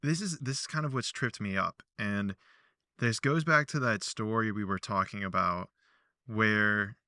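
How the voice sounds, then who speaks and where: Animated man telling a story on a podcast. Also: on the low side, a little slow, no echo, studio quality. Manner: rambling, filler-heavy, animated. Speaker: podcast host. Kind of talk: casual storytelling chat.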